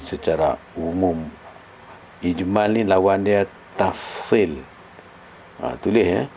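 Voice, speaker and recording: A man's voice: low voice, warm tone, a little hiss or hum. A man with a Malaysian Malay accent teaching a religious studies lesson, explaining terms and chanting Arabic lines for students to repeat. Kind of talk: classroom lesson with chanted recitation.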